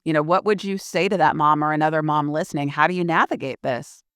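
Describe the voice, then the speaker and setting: A woman's voice: deep voice, steady tone, fast talker, fairly bright tone, dry recording, clean studio sound. A middle-aged woman hosting a podcast interview, earnest and reflective as she frames her questions. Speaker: podcast host.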